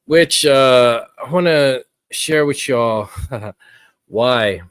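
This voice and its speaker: A man hosting his own podcast, talking in an earnest, reflective way with frequent pauses. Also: medium pitch, a bit bright, smooth, no echo. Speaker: podcast host. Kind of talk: casual podcast commentary.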